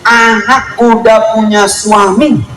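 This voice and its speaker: A man preaching a storytelling sermon at a family celebration, lively and joking, acting out quotes in street slang. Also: high-pitched, takes it slowly. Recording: echoey room with faint ambience.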